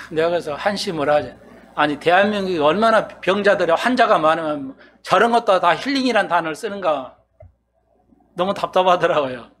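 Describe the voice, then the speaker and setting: A man's voice: on the high side, a bit bright. A male pastor preaching an expository sermon in a conversational way, often asking his congregation questions and playing out their replies.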